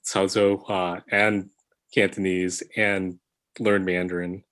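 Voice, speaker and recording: A man, a podcast guest, answering in a hesitant way with many pauses. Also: deep voice, little pitch movement, fairly bright tone. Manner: hesitant, with fillers and restarts. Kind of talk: casual interview.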